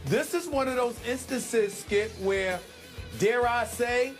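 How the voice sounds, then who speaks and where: Emphatic high-voiced man debating sports. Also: faint music behind. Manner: emphatic, dramatic pauses, drawn-out words.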